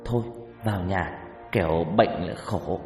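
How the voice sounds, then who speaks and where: A man's voice: low voice, moderate pace, a little mellow, pitched below the performer's own voice. A man voicing a middle-aged rural mother who scolds bluntly but cares, in an echoey room with faint music. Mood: gentle, tired.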